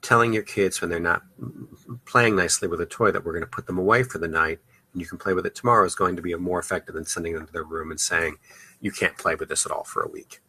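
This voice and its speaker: A man's voice: deep voice, fairly even intonation, fast talker, bright, forceful tone, slightly rough. A man hosting a parenting podcast, giving advice in a loose, conversational way with frequent "uh" and "you know" fillers. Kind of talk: advice talk.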